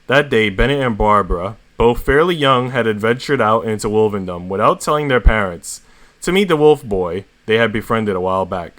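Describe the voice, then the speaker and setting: A man with a fairly low voice narrates a piece of fan fiction. He reads it as a story, moving between narration and dialogue. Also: expressive, moderate pace, fairly bright tone. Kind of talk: story reading with acted dialogue.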